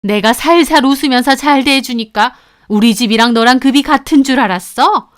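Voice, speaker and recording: A woman's voice: high voice, normal speed, voice pushed up, natural voice. A woman voicing a scornful middle-aged rich mother who shrieks and belittles.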